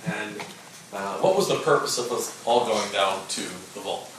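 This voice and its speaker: This prosecutor speaks at a normal pace in a lowish, expressive voice that's a bit bright, working through his questions to a witness step by step with plenty of "uh"s and "um"s. The courtroom audio is echoey, with noise in the background.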